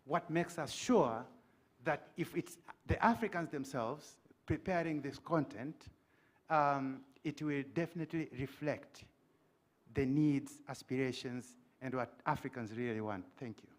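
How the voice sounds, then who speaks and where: A man's voice: mid-range voice, a little slow. A middle-aged man putting an earnest, pointed question to a conference panel from the floor. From Tanzania. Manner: earnest, pointed, makes a case with stories. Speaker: audience member asking a question.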